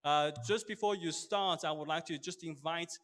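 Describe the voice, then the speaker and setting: A man's voice: a little high, moderate pace, a bit bright. A man moderating a hybrid seminar from a studio, speaking politely and formally with frequent hesitant fillers. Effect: big hall echo. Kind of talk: formal event hosting. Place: studio hall. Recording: long hall reverb.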